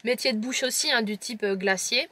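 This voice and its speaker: Fairly high in pitch, a little fast, and pushed and bright, a woman's voice carries a Lorraine French accent. She's tasting chocolates for her vlog and describing them to camera, chatting playfully and teasing viewers.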